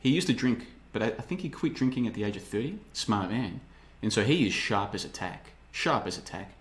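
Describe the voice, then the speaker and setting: A man in his thirties talks through a casual livestream monologue, his voice sitting on the low side. He rambles, repeats himself and slips into mocking impressions of other people with a sarcastic streak. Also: lively intonation, fairly quick. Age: 30s. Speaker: podcast host.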